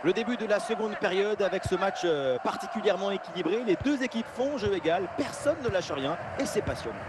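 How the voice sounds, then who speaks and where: A man playing an excited football play-by-play commentator, calling names in clipped bursts and surging on big plays. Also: sits high, a little fast, heavy background noise. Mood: keen, engaged.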